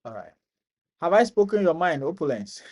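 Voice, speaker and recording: A live stream host from Ghana with a Ghanaian accent, chatting casually with a guest, laughing often and teasing gently. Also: medium pitch, big pitch swings, moderate pace.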